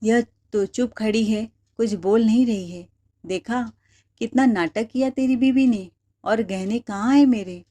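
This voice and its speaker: A woman's voice: fairly high pitch, measured pace, mellow. A woman voicing an elderly mother-in-law who insists her daughter-in-law is a thief, in a complaining, insistent way. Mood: shouting.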